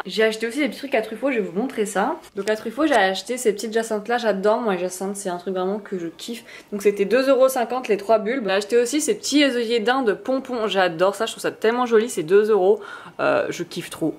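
A woman's voice: mid-range voice, a little fast. A young woman from France chatting casually in a vlog, with lots of fillers and restarts. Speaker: vlogger.

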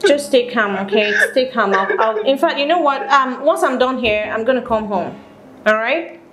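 A woman's voice: a little high, moderate pace, a crowd in the background, close to an everyday voice. A woman with a Nigerian accent playing a stern, imperious CEO who is also the daughter's mother in a comedy skit. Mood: soothing. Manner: scolding, imperious.

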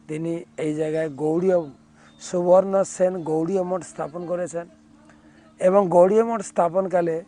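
Monk guy preaching, high voice, slow and drawn out, telling an old holy story bit by bit. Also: darkish tone. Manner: unhurried, vivid retelling of a sacred tale; breaks into call-and-response chanting. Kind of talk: devotional sermon storytelling.

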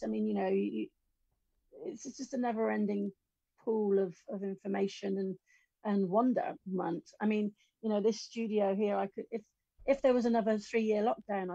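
A woman's voice: medium pitch, warm tone, husky, no room sound. A middle-aged woman from the UK, a guest musician chatting in a casual interview from her home studio, telling stories with lots of restarts over a video call. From United Kingdom. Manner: chatty storytelling with many restarts. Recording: dull lo-fi dry stream audio.

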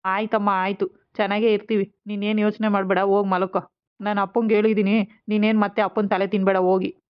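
A brusque young husband and son, played by a woman in a mid-range voice, firing off quick, dismissive retorts. The recording sounds slightly dull and lo-fi. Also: mid-range voice, level tone, clear, resonant tone, natural voice. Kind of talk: amateur family skit.

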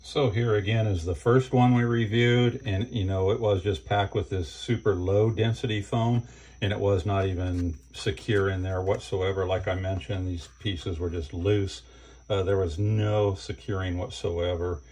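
An older man talks through a hands-on gear review at his indoor workbench. His voice sits low and a little husky, and he speaks in a relaxed, plain way with fillers. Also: normal speed. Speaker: channel host reviewing batteries. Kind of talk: casual hands-on product review.

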